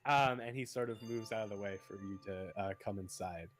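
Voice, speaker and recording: A man's voice: on the low side, fairly quick, faint music behind. A young man narrating a tabletop game as dungeon master, hesitant and full of fillers. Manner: hesitant, full of ums and uhs.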